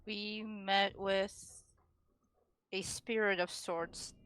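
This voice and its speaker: A woman's voice: medium pitch, fairly even intonation, very slow, a bit bright, a little hiss or hum. A woman improvising in character as a player in a tabletop game, hesitant and formally worded. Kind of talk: improvised in-character role-play.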